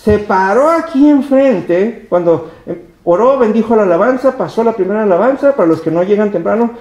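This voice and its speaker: A Mexican pastor with a high, mellow voice preaches emphatically, repeating words as he speaks straight to his congregation. His voice rings through an echoey hall where the service is held. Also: animated, normal speed. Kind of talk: sermon.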